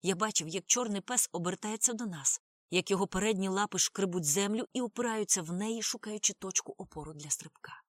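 A woman narrating a novel as an audiobook, reading expressively with sudden lifts and drops in pitch. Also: a little fast, no room sound, clean studio sound.

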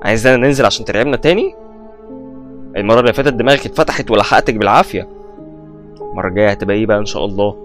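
A man's voice: on the low side, very fast, long pauses, soft background music, close to an everyday voice. A man voicing a hostile, dismissive middle-aged husband in an Egyptian Arabic horror story, speaking harshly. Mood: scornful.

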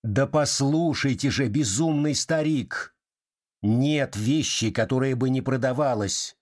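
A man reading an audiobook voices an impatient, imperious rich lady who scolds and bargains in a husky voice. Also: fairly high pitch, animated, a little slow, a little mellow, voice pushed up. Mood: scolding.

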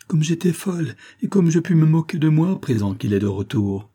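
A man's voice: medium pitch, measured pace, mellow, slightly rough. A man reading aloud and voicing a young wife, frightened yet brave, in breathless, pleading outbursts in a storybook. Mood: relieved.

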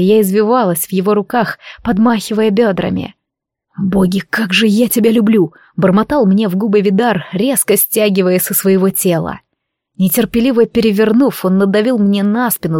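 A woman narrates a fantasy novel in a slow, even, intimate reading. Her voice sits at a middle pitch. The recording is dry and close, with no echo. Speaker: audiobook reader.

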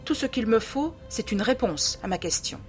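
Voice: mid-range voice, lively intonation, normal speed, faint music behind, voice pushed up, close to an everyday voice. A reader doing an earnest, pressing male painter.

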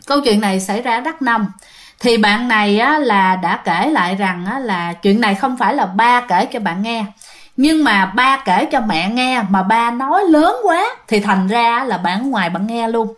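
Woman telling ghost stories, chatty, slightly high voice, phlegm in her throat. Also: expressive, normal speed. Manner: chatty, addresses listeners directly. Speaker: ghost story narrator. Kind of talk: casual storytelling narration.

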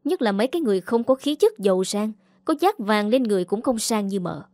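A woman's voice: mid-range voice, animated, fast talker, darkish tone, no echo, clean studio sound, natural voice. Woman putting on a young maid, defiant then pleading. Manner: stammering, whining when scared.

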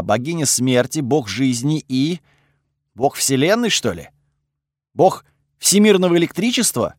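A man reading a fantasy audiobook in the first person, measured storytelling. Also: medium pitch, no echo, studio quality. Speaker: audiobook narrator.

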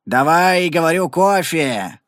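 A man voicing a huge, bullying thug who bellows hoarse threats in a Western storybook. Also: fairly high pitch, big pitch swings, unhurried, a bit bright, no echo, studio quality, exaggerated voice. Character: huge brutish male thug, loud and bullying.

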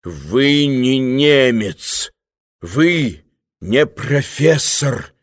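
A man reads an agitated young poet in an audiobook. He barks urgent demands and accusations at a slow, heavy pace with lively pitch. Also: dry recording, clean studio sound, full character voice. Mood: accusing.

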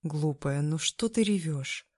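A woman voicing a weary, stoic immortal man who speaks tersely and dryly, with a quiet, slightly mocking manner. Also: lowish voice, normal speed, no room sound, studio quality, lightly acted. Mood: weak, wry.

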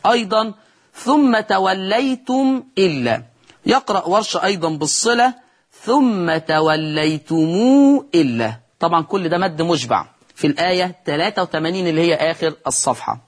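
A patient man with an Egyptian Arabic accent gives a televised Quran recitation lesson with a high-pitched voice. Talking straight to viewers, he chants example words slowly and then explains each rule.

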